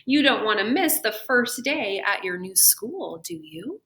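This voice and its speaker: A woman's voice: medium pitch, big pitch swings, unhurried, noisy background. A woman reading a storybook as a coaxing, cheerful man who chides and dismisses worries. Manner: coaxing, chiding. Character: coaxing, cheerful husband, Mister Hartwell, firmly dismissing worries.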